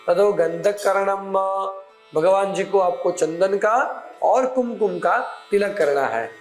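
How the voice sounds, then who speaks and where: Man, slow chanted Sanskrit mantras, puja teaching tone, reverberant space, soft music in the background. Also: sits high, expressive. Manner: slow, measured recitation of mantras and name litanies. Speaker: puja instructor. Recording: echoey room with soft music behind.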